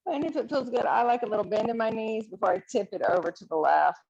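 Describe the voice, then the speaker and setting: Female yoga teacher, calm encouraging cues, some vocal fry, muffled recording. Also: fairly high pitch, fast talker. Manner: calm, encouraging cueing of poses. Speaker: yoga instructor. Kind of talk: guided yoga class instruction.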